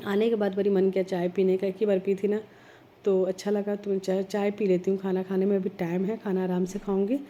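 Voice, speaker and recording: Middle-aged woman vlogger, hoarse from a cold, dark flat voice, reflective rambling talk. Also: fairly quick, dull audio. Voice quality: heavy, low-sounding voice. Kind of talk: casual vlog talk.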